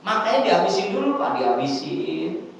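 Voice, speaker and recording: A man giving a humorous, animated religious lecture to a congregation, acting out little scenes as he goes. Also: high voice, moderate pace. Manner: animated, jokey, acts out scenes. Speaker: preacher. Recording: echoey hall from far off with faint ambience.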